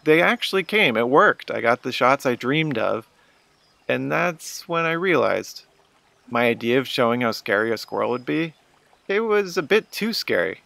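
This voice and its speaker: A man's voice: medium pitch, sing-song, normal speed, vocal fry, pushed and bright, no echo. A man narrating a wildlife photo video in casual storytelling, earnest and self-deprecating.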